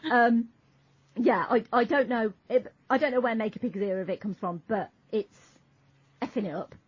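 A woman co-hosts a podcast, chatting casually in a rambling way, interrupting herself and trailing off as she explains. Her fairly high voice has a breathy edge and a moderate pace, and the audio is dull and lo-fi.

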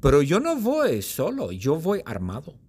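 A man speaking as a suspicious fellow heading to a meeting, in slow, simple, repeated sentences. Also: fairly high pitch, wildly swooping pitch, a little mellow, husky, pitched above the performer's own voice, heavily acted. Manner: slow, simple, repetitive storytelling.

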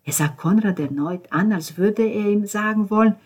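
Low, husky female audiobook narrator. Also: normal speed, warm tone. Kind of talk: scripted narration.

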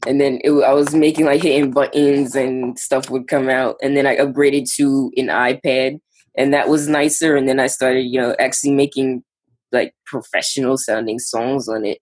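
A young musician from New York, appearing as a guest in a casual interview, talks about how he got started in music. His speech is laid-back and halting, packed with fillers like "like" as he thinks, delivered flatly in a mid-range male voice.

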